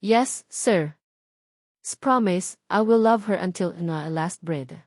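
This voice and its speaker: A woman's voice: fairly low pitch, slow, no echo, clean studio sound. A woman voicing a remorseful young groom, earnest and polite, in a storybook reading.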